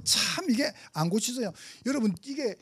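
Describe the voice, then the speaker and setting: A man with a Gyeongsang accent preaching a testimony sermon in church, animated and humorous, talking fast. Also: extremely high pitch, husky, no echo. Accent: Gyeongsang Korean. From Gyeongsang Province, Korea. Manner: fast talker. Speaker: pastor.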